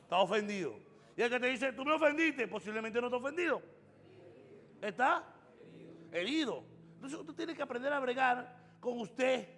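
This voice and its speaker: A man's voice: very high-pitched, animated, normal speed, pauses often, a bit bright, big-room sound. A man preaching a sermon as pastor, building up through emphatic repeated phrases. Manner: preaching with rising, emphatic repetition.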